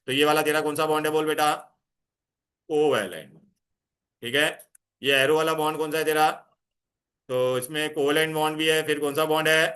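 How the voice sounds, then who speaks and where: A male chemistry teacher in a classroom, his voice bright and forceful and pitched a little high. He keeps firing questions at his students, coaxing answers and mixing English terms into his talk. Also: steady tone, normal speed, pauses often. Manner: mixes Hindi with English terms. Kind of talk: classroom lecture.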